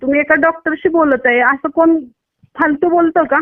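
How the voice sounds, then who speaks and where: Over a tinny, narrowband phone line, a woman with a Maharashtrian Marathi accent, a doctor, speaks bluntly in a casual call. Her voice sits high, she talks at normal speed, and there's no room sound.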